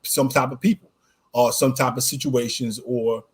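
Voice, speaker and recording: This man, born in Jamaica and raised in the US, has a husky, mid-range voice with a steady tone and moderate pace. Being interviewed casually as a podcast co-host, he talks loosely, peppering his speech with "you know" and "right?".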